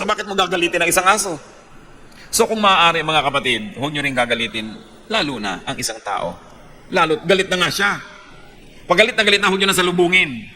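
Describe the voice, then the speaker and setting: A man preaching a sermon, mixing Tagalog and English and telling stories with lively emphasis. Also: medium pitch, slight background noise, rough recording.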